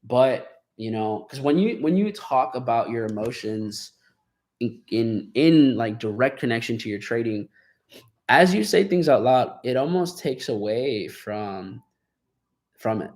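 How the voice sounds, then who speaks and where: A man's voice: medium pitch, expressive, unhurried, darkish tone. Upbeat man coaching on a live stream. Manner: upbeat, encouraging, with many fillers and restarts. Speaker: trading coach hosting a live Q&A. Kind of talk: casual live-stream talk.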